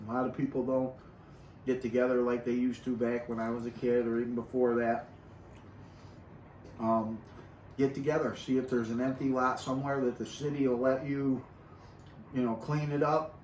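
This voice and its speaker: A man's voice: medium pitch, fairly even intonation, moderate pace, long pauses, darkish tone, recorded from a distance. A middle-aged man co-hosting a homestead channel, giving easygoing advice in a casual chat over dinner. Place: home dining room. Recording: roomy, from the mic, faint hiss.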